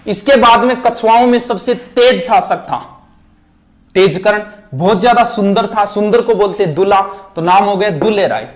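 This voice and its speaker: A man teaching a history revision lesson at a board, reciting names and facts in quick lists. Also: high voice. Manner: rapid, list-like recitation. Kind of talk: fast exam revision lecture at a board. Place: classroom with board.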